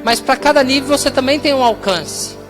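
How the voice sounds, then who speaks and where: A man's voice: extremely high pitch, a little fast, over music. A man with a Brazilian Portuguese accent preaching a sermon, telling a personal story with acted-out dialogue. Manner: animated storytelling, acts out dialogue with God and his wife. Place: large church hall. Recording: reverberant church hall.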